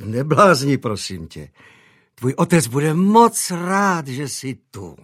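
A man putting on a high doting genteel mother. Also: big pitch swings. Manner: fussy, doting. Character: fussing well-to-do mother, middle-aged.

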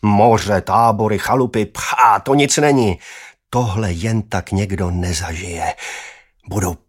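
A man voicing an excited young schoolboy who shouts with glee in a storybook reading. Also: lowish voice, husky. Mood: overjoyed.

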